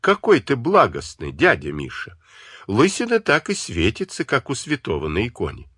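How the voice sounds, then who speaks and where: A man's voice: medium pitch, wildly swooping pitch, moderate pace, fairly bright tone, husky, dry recording, clean studio sound, heavily acted. A man reading an audiobook and voicing a defiant young woman who hurls scornful accusations at her relatives. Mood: scornful, furious. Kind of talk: audiobook character voice.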